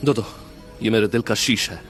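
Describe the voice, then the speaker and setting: The mighty Dragon Lord, voiced by a man, speaking low and soft as he reassures his family. Music drifts under the dubbed fantasy scene. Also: normal speed, close to an everyday voice. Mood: tender. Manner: tender, reassuring. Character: gentle, powerful male Dragon Lord, a loving father. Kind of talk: Hindi dub of a fantasy drama.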